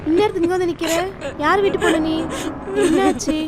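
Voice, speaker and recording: A woman dubbing a kind aunty who gently questions a crying girl, in an amateur short film. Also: very high voice, fairly even intonation, fast talker. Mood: concerned. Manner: concerned, gentle. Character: kind middle-aged aunty. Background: music.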